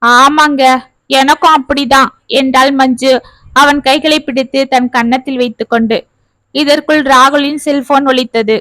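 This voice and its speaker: A woman host narrating a family story and signing off to her listeners in a gentle, steady storybook manner. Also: high-pitched, moderate pace, dry recording.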